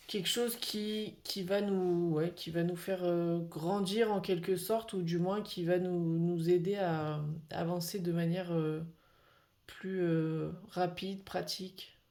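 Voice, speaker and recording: Slow, hesitant French woman reading cards. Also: fairly low pitch, darkish tone, slight background noise. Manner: hesitant, many fillers and restarts. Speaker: tarot card reader. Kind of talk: casual weekly card reading.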